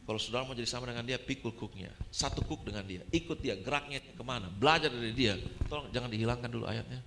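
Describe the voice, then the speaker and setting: A male pastor with an Indonesian accent, preaching a sermon in an animated way that swings between loud, high passages and quiet, low ones, with English phrases mixed in. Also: quick pace, gravelly, a little hiss or hum.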